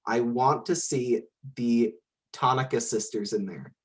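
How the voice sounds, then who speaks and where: A man from Southern California in casual podcast chat, talking hesitantly with many pauses and fillers. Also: medium pitch. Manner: hesitant, full of "uh" and "like". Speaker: podcast co-host.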